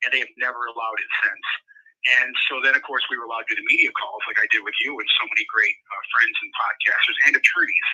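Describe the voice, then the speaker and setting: A man calling in from prison over a phone line, talking fast and telling his story with many fillers. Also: on the low side, steady tone, sharp tone, husky. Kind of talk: casual phone conversation. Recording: muffled lo-fi prison phone call.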